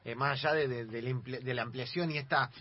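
A man's voice: mid-range voice, steady tone, fast. A man, a radio panelist cutting in with a blunt opinion. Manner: interjecting with a sharp opinion. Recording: dull, lo-fi sound.

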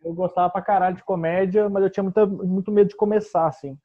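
A young man from southern Brazil, a stand-up comedian talking casually and quietly about his path to the stage. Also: high-pitched, fast, lo-fi sound. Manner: relaxed, soft-spoken storyteller. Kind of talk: casual podcast conversation.

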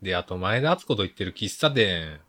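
A man with a fairly low voice and a Kansai Japanese accent chats casually on his own, as in a film review podcast. His delivery is blunt and colloquial, wandering through grumbly asides. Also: sing-song, a little fast, bright, forceful tone. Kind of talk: casual solo movie-review chat.

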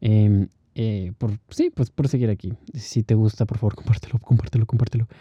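A man's voice: lowish voice, fairly even intonation, brisk, dark tone, slightly rough, no room sound, highs cut off. A young man talking casually on his solo podcast, laughing often and slipping in English phrases. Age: young adult. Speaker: podcast host.

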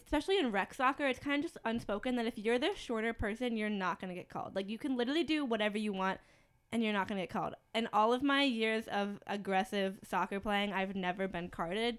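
Smooth-voiced young woman telling a story. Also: medium pitch. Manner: quick, lively storytelling. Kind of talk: casual chat.

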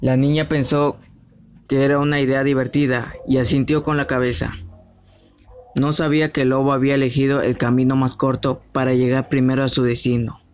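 A man reading a fairy tale aloud as a storyteller, steady and measured. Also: mid-range voice, a little hiss or hum.

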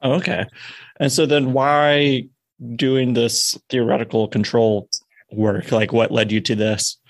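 A man hosting a podcast, asking relaxed, curious questions with casual fillers. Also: mid-range voice, measured pace. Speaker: podcast host. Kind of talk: casual interview.

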